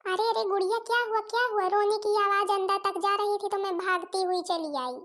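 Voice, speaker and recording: A meek, humble village mother in a cartoon, voiced by a woman, soft-spoken and apologetic, her high voice carrying an Awadhi accent. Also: steady tone, fairly quick. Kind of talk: cartoon voice acting.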